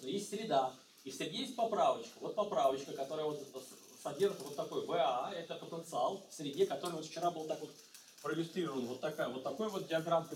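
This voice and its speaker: Man, middle-aged, physics lecture, halting with fillers, slightly high voice, roomy echo, mic far off. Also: a little hiss or hum. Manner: halting, many fillers and restarts. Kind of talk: university lecture at a blackboard. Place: lecture room.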